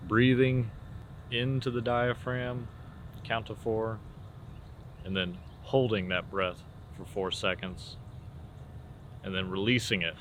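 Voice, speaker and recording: A man talking as a casual drama teacher, informally explaining and demonstrating theater warm-up exercises. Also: fairly low pitch. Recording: clear steady background noise.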